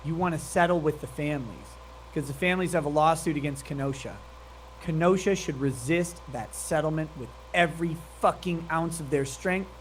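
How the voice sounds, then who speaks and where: A man's voice: on the high side, moderate pace, slight background noise. A man giving profane, mocking live commentary on a video clip, laughing often. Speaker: streamer commenting on a meeting clip.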